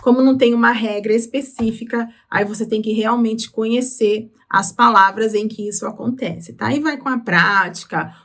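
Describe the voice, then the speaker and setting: Patient Brazilian woman teaching English. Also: medium pitch. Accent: Brazilian Portuguese. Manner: patient, explanatory, slows down to spell out words. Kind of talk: explaining lyrics in a language lesson.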